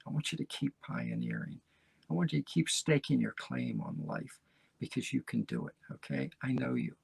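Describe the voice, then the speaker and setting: Gravelly, folksy man in his seventies. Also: lowish voice, huge pitch swings, moderate pace, dry recording. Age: 70s. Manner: rambling, folksy, encouraging. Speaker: podcast host. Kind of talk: motivational casual talk.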